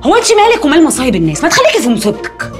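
A middle-aged Egyptian mother who scolds her grown children in a quick, lively voice that swings high and low. Her pitch sits a little above the usual and she lectures without pause. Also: soft background music. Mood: lecturing. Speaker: actress. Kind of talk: TV drama acting.

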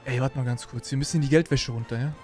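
A man streaming a roleplay game, chatting casually in slang and talking others down with quick reassurances. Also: medium pitch, steady tone, a little mellow, soft background music. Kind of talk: casual in-character roleplay chat.

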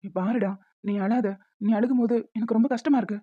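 A woman voicing a gentle young husband in a cartoon, soothing and reassuring his wife. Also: fairly high pitch, steady tone, a little fast, breathy edge, phone-quality sound. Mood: comforting.

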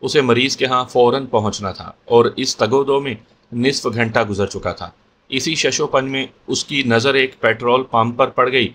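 Guy reading a horror story aloud, steady and measured, middle-pitched voice. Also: slight background noise. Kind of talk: scripted horror story narration.

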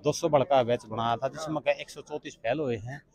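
A man's voice: medium pitch, fairly quick, a little mellow. A young man, answering questions outdoors into a handheld mic, blunt and complaining. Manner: blunt, complaining, plain-spoken. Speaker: army recruitment candidate. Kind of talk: casual interview answers. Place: outdoors in a crowd near a stadium. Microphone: handheld mic held by interviewer. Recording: crowd noise behind.

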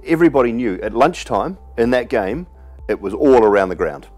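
A man's voice: mid-range voice, expressive, a little fast, darkish tone, faint music behind. A man in his forties giving blunt, emphatic cricket opinions on a studio panel. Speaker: cricket pundit. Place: TV studio, indoors. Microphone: lapel mic.

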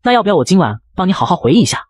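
Aloof young tycoon, read by a man, low teasing lines, quick and lively. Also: breathy edge, dry recording, heavily acted. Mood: cool. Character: tall, cold young male tycoon, teasing.

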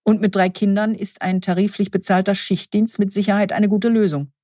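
A brisk, matter-of-fact female lab doctor in an audiobook crime story, read by a woman. Her voice is slightly husky and the recording is dry and close. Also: medium pitch, fairly even intonation, mellow, no room sound, close to an everyday voice. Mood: chatty. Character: adult female hospital lab doctor, defensive.

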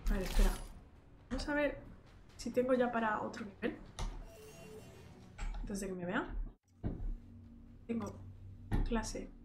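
A young female streamer with a Spain Spanish accent comments casually on a game over music, shrieking and swearing at the action, then reading item menus aloud to herself. Her voice is fairly high, slow, and broken by long pauses.

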